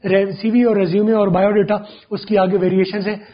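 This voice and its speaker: High, husky man teaching pronunciation. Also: level tone, highs cut off. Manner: repeats words and sounds slowly to demonstrate. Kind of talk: classroom-style explanation.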